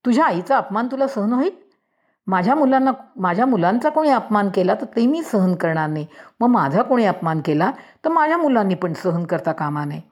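A woman's voice: mid-range voice, darkish tone, slightly rough. A woman voicing a stern but loving village mother who scolds her son, then pleads with him through tears.

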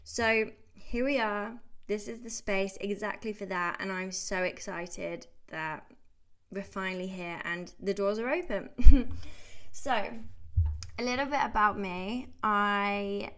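A British health coach in her thirties hosts her podcast in a casual monologue, chatty and upbeat and quick to laugh. Her mid-range voice keeps a steady tone, and she takes things slowly.

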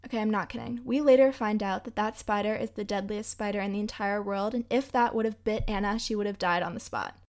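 A woman's voice: medium pitch, a little fast, few pauses, darkish tone. A young woman hosting a podcast and telling a travel story in a chatty, emphatic way. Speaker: podcast host. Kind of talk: casual storytelling.

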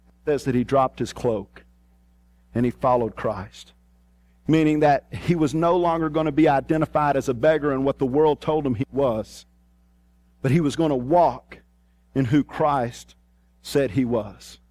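A man's medium-pitched, darkish voice moves at a moderate pace through a plain-spoken, folksy sermon. His Southern hillbilly accent has a country twang, and he repeats key phrases for emphasis. There's no room sound.

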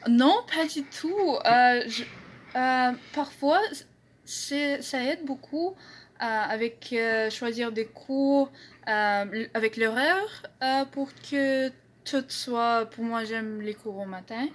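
A young woman student answering interview questions, halting and searching for words with many fillers. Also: on the high side. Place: university campus.

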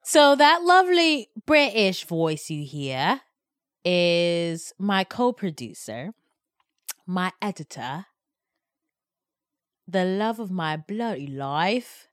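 A woman's voice: fairly low pitch, sing-song, slow pace, pauses often, dry recording. A woman hosting a podcast in a studio, chatting in a playful, jokey way and laughing often. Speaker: podcast host. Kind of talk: casual comedic chat.

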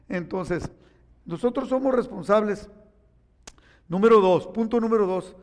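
A man preaching a sermon, telling stories animatedly and acting out the quotes. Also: high voice. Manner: animated storytelling with acted-out quotes. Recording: echoey hall reverb.

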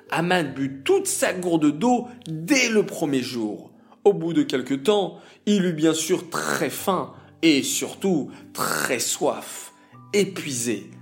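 A man narrating a story for children, expressive and addressing the listeners directly. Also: a little high.

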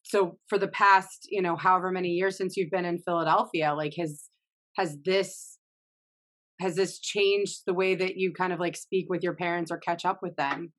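Woman interviewer, slightly low voice. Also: little pitch movement, normal speed, a bit bright. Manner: conversational, many fillers and hedges. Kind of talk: casual interview chat.

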